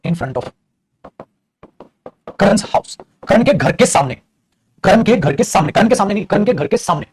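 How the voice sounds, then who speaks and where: A man's voice: high voice, lively intonation, unhurried, a little hiss or hum. A man teaching prepositions to a class, explaining patiently and addressing students as "beta". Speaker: English teacher.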